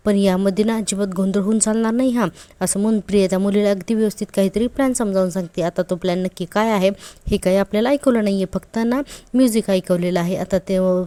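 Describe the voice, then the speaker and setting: A woman's voice: mid-range voice, steady tone, fast, mellow, no echo. A woman retelling a TV serial episode in a chatty, casual way, quoting the characters' lines in her own voice and adding admiring asides. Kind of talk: casual episode recap narration.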